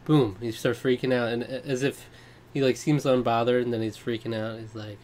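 A man's voice: mid-range voice, steady tone, fairly quick, a little mellow. A man in casual chat, joking and chiming in with quips. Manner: joking, chimes in with quips and laughs.

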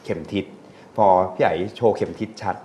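A man's voice: normal speed, mellow, slight background noise. A man on a radio talk show, a marketing expert who explains his points emphatically. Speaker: marketing professor guest.

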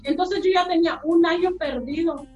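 A woman's voice: very high voice, normal speed, darkish tone, faint music behind. A Mexican woman telling her life story earnestly as an interview guest, heard over a remote call. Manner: earnest, emotional retelling. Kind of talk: personal storytelling. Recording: echoey, dull remote call audio.

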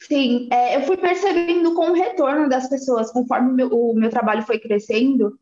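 A woman's voice: high voice, normal speed, dark tone, reverberant, muffled recording. A woman in her twenties from Bahia with a Bahian accent, chatting casually and laughing easily as a podcast guest. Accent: Bahian Portuguese. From Bahia, Brazil. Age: 20s. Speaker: guest, activist. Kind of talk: casual interview talk.

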